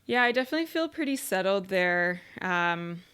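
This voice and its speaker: A woman's voice: mid-range voice, very animated, moderate pace, a bit bright, clean tone. A young woman from rural Ontario, chatting openly as a podcast guest and often saying "like". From rural Ontario, Canada. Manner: chatty and open, many "like" fillers. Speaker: podcast guest, charity community manager. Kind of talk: casual interview chat.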